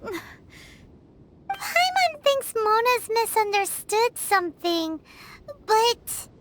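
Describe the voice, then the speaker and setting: A woman voicing a tiny, childlike floating fairy girl in a video game, blunt and excitable, with a squeaky voice. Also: extremely slow, slight background noise, full character voice. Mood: puzzled. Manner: refers to herself in the third person, exclamatory. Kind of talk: video game character acting. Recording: studio voice over background music.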